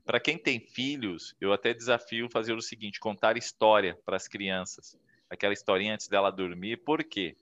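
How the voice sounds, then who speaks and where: In an interview, a man gives advice on communication, explaining things step by step and acting out the voices of people in his short stories. His voice is fairly low, steady, and rather bright, at a normal speed. The recording has a dull, lo-fi sound.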